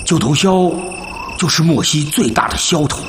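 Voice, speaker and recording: An actor playing an older captured bandit lieutenant in a TV drama, wily and deferential, speaking with theatrical earnestness. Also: male voice, fairly high pitch, expressive, normal speed, noisy background, natural voice. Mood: confiding, resigned. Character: captured old male bandit second-in-command, wily, deferential, pleading. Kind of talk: television drama acting.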